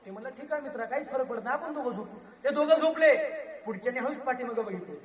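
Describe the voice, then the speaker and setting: A man from Maharashtra giving a rousing public lecture on history, a storytelling orator with a booming delivery. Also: lively intonation, fast talker, muffled recording. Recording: echoey hall, voice far from mic.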